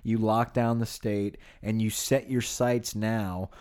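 A man, chatting casually about football recruits. He runs through names and positions with eager, rapid enthusiasm, like a podcast host deep in the details. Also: steady tone, a little mellow, clear, resonant tone. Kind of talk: casual sports talk.

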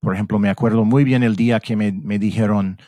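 With a fairly low, warm voice and fairly even intonation, a middle-aged man from Mississippi speaks briskly in an American English accent. He's a podcast guest in a casual interview chat, reflective and searching for words in his second language. There's no echo.

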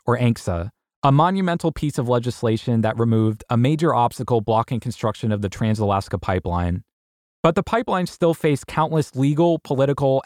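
A man's voice: mid-range voice, a little mellow, no echo, studio quality. Man narrating an investigative podcast. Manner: measured storytelling, rhetorical questions.

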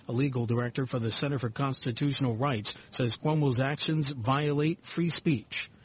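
A male newsreader reads a scripted radio bulletin. His voice is husky and sits at a medium pitch. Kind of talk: scripted news reading.

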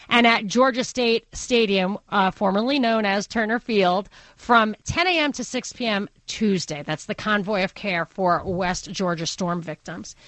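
In a radio studio, a woman with a Brooklyn accent hosts a talk show, thinking aloud conversationally in opinionated digressions. Her voice is fairly high and a bit bright, captured on a close studio mic with no echo.

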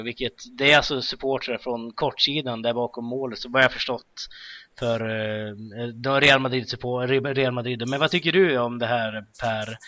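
Bright-voiced podcast host. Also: male voice, medium pitch, no room sound. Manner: steers talk with questions to panelists. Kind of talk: hosting a podcast discussion. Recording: dry, dull lo-fi sound.

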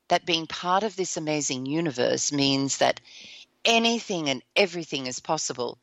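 A woman hosting an upbeat self-help show, enthusiastic and a little croaky today, often whooping and laughing. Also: low-pitched, fairly bright tone, no room sound. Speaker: host.

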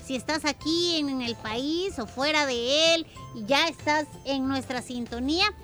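Bright high-voiced woman co-hosting for kids. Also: a little slow, soft background music. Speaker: children's radio show co-host. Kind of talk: friendly religious children's radio chat.

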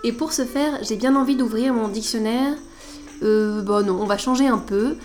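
A woman's voice: on the high side, normal speed, darkish tone, soft background music. A woman hosting a scripted educational podcast, didactic and playful with teasing asides. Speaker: podcast host.

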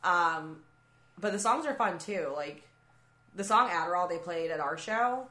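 A woman's voice: on the low side, animated, unhurried, pushed and bright. A young woman co-hosting a casual music podcast, chatty with frequent ums and likes. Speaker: podcast co-host. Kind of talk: casual chat about music. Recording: echoey room.

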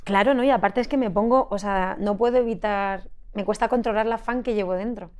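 A young woman from Spain, a singer being interviewed on a podcast, telling stories in an animated, laughing way. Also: mid-range voice, brisk. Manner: animated storytelling with frequent laughter. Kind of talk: casual interview chat.

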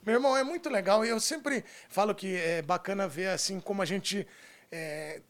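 A man's voice: high voice, moderate pace. A Brazilian man hosting a talk show in a casual, chatty style. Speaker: show host.

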